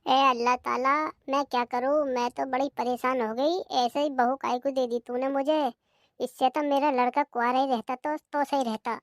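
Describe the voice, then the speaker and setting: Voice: high-pitched, steady tone, moderate pace, dry recording, studio quality, natural voice. A voice actor playing a weary, complaining older mother-in-law in a comedy cartoon, full of plaintive self-pity. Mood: lamenting. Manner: plaintive, self-pitying grumbling.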